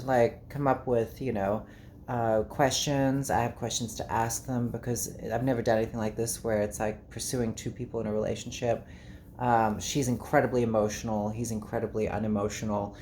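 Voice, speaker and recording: South african accent, casual vlog monologue, candid, rambling, mid-pitched voice. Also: darkish tone, slight background noise. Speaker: vlogger.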